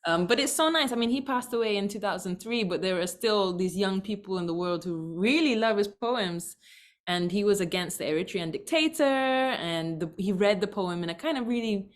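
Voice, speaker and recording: A lively woman talks with a middle-pitched voice that leaps up and down as she laughs through her story. She was born in Thailand and speaks as a guest on a video call. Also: normal speed. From born in Thailand, raised in several countries. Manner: animated, laughing, big swings in pitch. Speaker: guest, language educator. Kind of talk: casual conversation.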